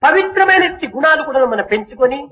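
A man's voice: extremely high pitch, lively intonation, fast, lo-fi sound. A man giving a spiritual discourse, preaching in rhythmic phrases that rise into exclamations. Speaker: spiritual speaker. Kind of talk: Telugu discourse.

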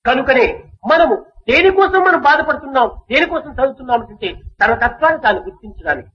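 A man's voice: very high voice, animated, fast talker, muffled recording. A man giving a spiritual discourse, preaching in rhythmic phrases that rise into exclamations. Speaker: spiritual speaker. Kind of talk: Telugu discourse.

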